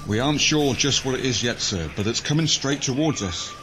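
Man playing a dutiful mid-pitched army sergeant. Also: lively intonation, a little fast, music in the background, natural voice, poor audio. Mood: tense, reporting. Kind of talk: audio drama acting.

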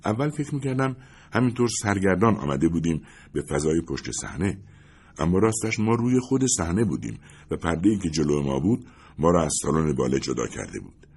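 A man narrating a first-person story in a measured, suspenseful way, husky-voiced. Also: sits low, big pitch swings, a little mellow. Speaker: audiobook narrator.

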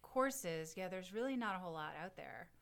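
A woman's voice: lowish voice, animated, moderate pace, fairly bright tone. A woman co-hosting an education podcast, chatting casually with playful asides. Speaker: podcast co-host.

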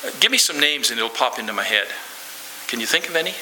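Male guest preacher, conversational and earnest, bright tone, faint hiss. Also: mid-range voice, big pitch swings, quick pace, low-quality recording. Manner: earnest, conversational, asks the congregation questions. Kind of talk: sermon and closing prayer. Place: church.

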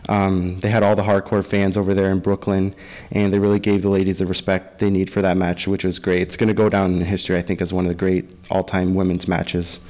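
A man's voice: deep voice, monotone, a little fast, a little mellow. A man co-hosting a podcast, casually recapping and discussing wrestling in an echoey room. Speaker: podcast co-host.

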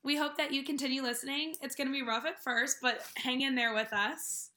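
A woman's voice: high-pitched, steady tone, brisk, pushed and bright. A young American woman co-hosting a casual podcast from a living room, chatting informally and freely giving her opinions. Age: young adult. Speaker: podcast co-host.

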